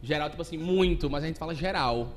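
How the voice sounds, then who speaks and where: A man's voice: a little high, fast, faint music behind. A man with a Paraíba Northeastern Brazilian accent co-hosting a podcast, chatting easily about slang. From João Pessoa, Brazil. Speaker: podcast host. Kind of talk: casual podcast chat.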